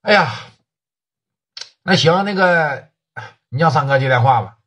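A man doing an excitable rural tough. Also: a little high, measured pace, breathy edge, exaggerated voice. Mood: pleased. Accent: Northeastern Mandarin. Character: excitable male quarry-owning tough, easily stirred.

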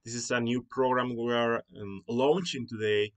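A Mexican man with a Mexican Spanish accent hosts a live online presentation as the founder of an academy. His voice sits in the mid-range, with fairly even intonation and a normal pace. He comes across as earnest and repetitive, full of fillers and rephrasings.

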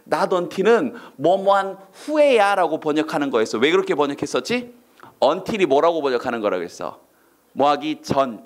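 Animated man teaching an exam lecture. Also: on the high side. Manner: animated, quizzes students with quick questions; acts out reactions with silly voices and laughs. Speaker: English teacher. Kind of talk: online exam-prep lecture.

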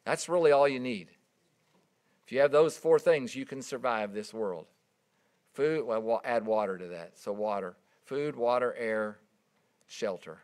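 A man's voice: mid-range voice, measured pace, a little mellow. A middle-aged man preaching a sermon, earnest and emphatic, telling stories with his voice swelling and dropping. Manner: earnest, emphatic, storytelling with rising and dropping volume.

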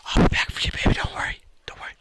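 A man's voice: rapid-fire, in a whisper. A man putting on a country accent while giving nervous, jumpy gameplay commentary. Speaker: gamer.

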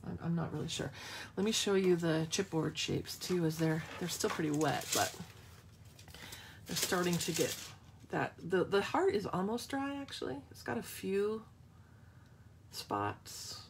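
A woman's voice: fairly low pitch, animated, moderate pace, vocal fry, a little hiss or hum. A woman hosting a live craft demonstration, chatting casually and playfully as she answers viewers' questions. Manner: chatty and playful, thinks aloud with restarts.

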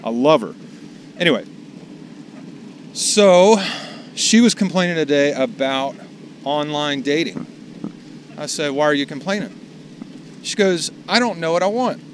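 A man talks loosely and at length from behind the wheel, his voice sitting a little higher than most men's. He rambles from one thing to the next with a salty edge. Faint road noise hums under him. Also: lively intonation, unhurried, pauses often. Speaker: delivery driver vlogger. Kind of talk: casual chat while driving. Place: in a car.

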